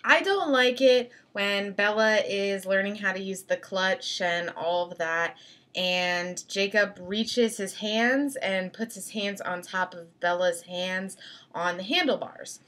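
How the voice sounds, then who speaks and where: A young woman talks in a casual, opinionated vlog style with a middle-of-the-road pitch. Her delivery is animated and slangy, leaning hard on words for emphasis and slipping into mock quotes. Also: slow pace. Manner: slangy, emphatic, exasperated asides. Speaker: video blogger reviewing film clips.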